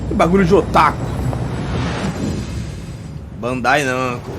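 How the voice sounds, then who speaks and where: A man's voice: medium pitch, lively intonation, unhurried, noisy background. A Brazilian man reacting casually as a livestreamer, slangy and foul-mouthed. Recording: loud music and game audio behind.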